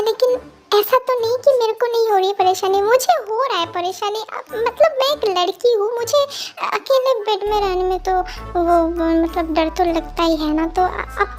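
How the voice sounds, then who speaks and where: A woman's voice: very high voice, normal speed. Woman doing a feisty young assistant girl. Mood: indignant. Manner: indignant, argumentative, exclaiming. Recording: faint music behind.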